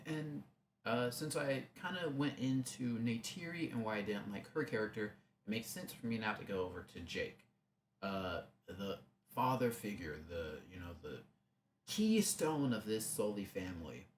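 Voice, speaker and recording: A young man giving a sarcastic, rambling movie review with restarts. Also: lowish voice. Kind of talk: casual movie review rant. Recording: echoey room, faint hum.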